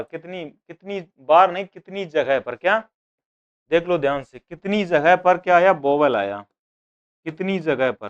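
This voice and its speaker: A male coaching teacher from India with a smooth, resonant voice, a little high for a man, explaining grammar through constant questions that he answers himself. The recording is dull and lo-fi. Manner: asks questions and repeats answers, voices students' doubts. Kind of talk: online grammar lesson.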